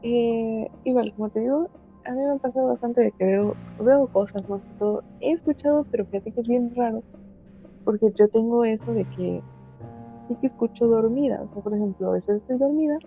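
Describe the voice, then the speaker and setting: A woman's voice: on the high side, fairly quick, phone-quality sound, faint music behind. A female guest recounts her eerie experiences casually, in a thoughtful, hesitant way, searching for words. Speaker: guest storyteller.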